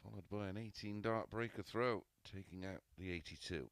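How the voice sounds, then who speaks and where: Man, low-pitched voice, live darts commentary, sports broadcast style. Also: normal speed, fairly bright tone, no echo.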